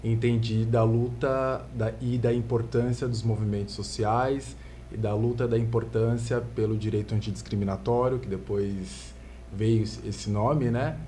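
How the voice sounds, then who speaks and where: A man from Santos with a Brazilian Portuguese accent, a lawyer explaining his field in calm, measured terms as a podcast guest. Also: on the low side, a little hiss or hum. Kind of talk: podcast interview. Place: podcast studio.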